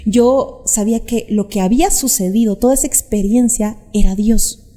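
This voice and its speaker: Young woman vlogger, earnest testimony, higher voice, mellow tone, long reverb behind her. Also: moderate pace. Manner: earnest, acts out quoted voices. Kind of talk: emotional personal storytelling. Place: outdoors, on camera. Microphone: camera mic.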